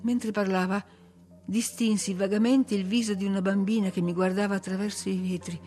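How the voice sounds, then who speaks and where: A woman's voice: medium pitch, fairly even intonation, over music. Woman narrating a gothic novel. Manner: measured, dramatic storytelling. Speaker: audiobook narrator. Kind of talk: expressive literary narration.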